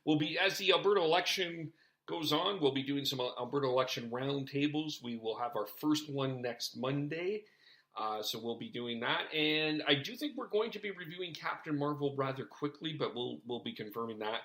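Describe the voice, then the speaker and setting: Bright-voiced podcast host. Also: male voice, mid-range voice, animated, normal speed. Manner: rambling, thinks aloud in restarts. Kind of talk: casual podcast chat.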